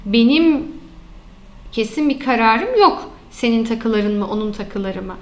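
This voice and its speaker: High-voiced woman teaching a grammar lesson. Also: lively intonation, a little mellow. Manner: asks students questions then answers them; slows and stresses key terms.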